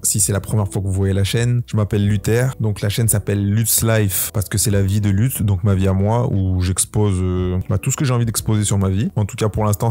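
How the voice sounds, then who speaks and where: Warm and lowish, this voice belongs to a YouTuber in his 20s speaking solo to camera on his own podcast. He rambles about his channel casually, full of fillers and false starts.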